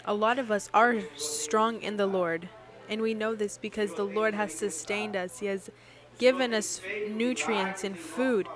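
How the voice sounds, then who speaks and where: Woman interpreting a sermon live, mid-pitched, congregation clearly heard behind her. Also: fairly even intonation, measured pace, crowd noise. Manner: preaching cadence with rhetorical questions to the congregation.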